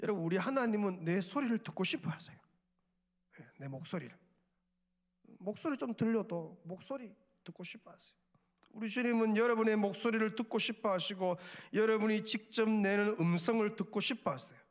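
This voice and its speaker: A middle-aged male pastor preaching a sermon at a Friday prayer meeting, earnest, moving between hushed murmurs and raised exhortation. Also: high voice, a little fast.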